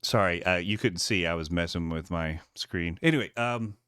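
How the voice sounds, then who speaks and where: A man with a lowish voice talks casually through a short film he scored, narrating each moment. He drops into playful quoted lines for the character's thoughts and laughs along as he goes. The sound is close and dry, with no room around it. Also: moderate pace, bright, forceful tone, clear, resonant tone, no echo. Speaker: composer breaking down his film score.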